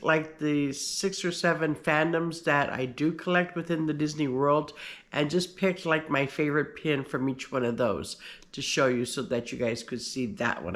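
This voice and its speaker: Here a man walks through his pin collection casually, his speech full of fillers and false starts. He has a fairly high, slightly bright voice, made a little nasal by a slight cold.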